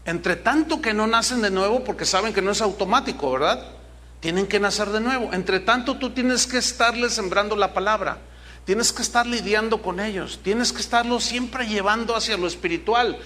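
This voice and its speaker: A middle-aged man delivers a sermon from the pulpit. He pitches his voice high and presses each point with rhetorical questions. His tone rings bright and forceful, with a faint hiss of noise behind him. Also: normal speed. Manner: emphatic, full of rhetorical questions. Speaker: pastor.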